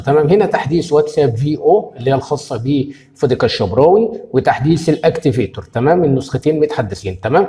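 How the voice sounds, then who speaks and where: A man's voice: medium pitch, warm tone. A man with an Egyptian Arabic accent walking viewers through a phone app tutorial, repeating each step and checking in with "okay?" after it. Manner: keeps asking "tamam?" after each step; explains steps patiently and repeats them. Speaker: tech tutorial host. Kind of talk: screen-recorded phone tutorial.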